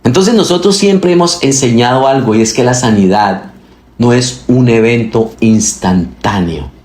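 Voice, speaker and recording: A man preaching a sermon at middle pitch, his voice climbing high for emphatic lines and dropping low and soft to close a thought. He reads scripture aloud and puts questions to the congregation. The sound carries the echo of the church room. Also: lively intonation, unhurried. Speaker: pastor.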